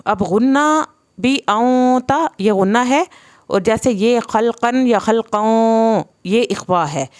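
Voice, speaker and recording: Patient woman teaching Quran recitation. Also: a little high. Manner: slow, patient spelling out of letter sounds. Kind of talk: online tajweed lesson.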